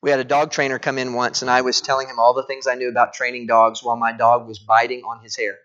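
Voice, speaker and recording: Speaking quickly in a level, mid-range voice with a slight brightness, a male pastor delivers a sermon. He shares personal stories and asks his congregation rhetorical questions, conversational in tone, as a native English speaker. The recording is dull and lo-fi.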